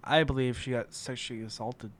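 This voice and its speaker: A man's voice: medium pitch, steady tone, a little fast, heavy background noise. A young man around eighteen giving casual, slangy reaction commentary with some swearing. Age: young adult, about 18. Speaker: reaction video host.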